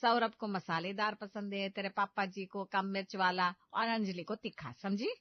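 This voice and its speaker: A woman voicing an exasperated middle-aged mother-in-law who scolds loudly in a cartoon story. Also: medium pitch, steady tone, moderate pace, no room sound, highs cut off, voice pushed down, close to an everyday voice. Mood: weary.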